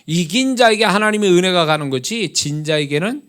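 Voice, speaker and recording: A man's voice: high-pitched, animated, brisk, a bit bright, smooth. A middle-aged male pastor preaching a Wednesday sermon, emphatic and full of rhetorical questions. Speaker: senior pastor.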